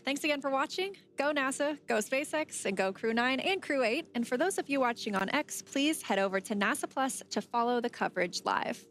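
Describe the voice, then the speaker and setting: A woman's voice: high voice, expressive, fairly quick, hardly any pauses, fairly bright tone. A woman co-hosting a live space webcast with polished announcer delivery. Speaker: space agency broadcast co-host.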